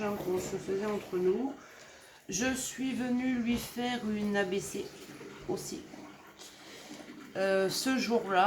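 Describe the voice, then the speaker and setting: A woman from Normandy in France, casually showing her handmade crafts in a gentle, hesitant way with many fillers. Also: mid-range voice. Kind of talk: casual craft show-and-tell. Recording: roomy echo, faint background noise.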